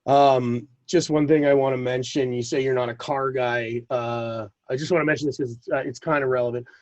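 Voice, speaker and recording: Enthusiastic male podcast co-host, mid-pitched voice, dry sound. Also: steady tone, a little mellow, dry recording, dull audio. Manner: chatty, enthusiastic, quick asides. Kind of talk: casual film talk.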